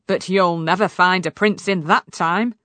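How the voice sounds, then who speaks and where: A woman voicing a stern, blustering king and exasperated father, loud and commanding, in a storybook. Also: fairly low pitch, steady tone, a little slow, no room sound. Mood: stern, insistent.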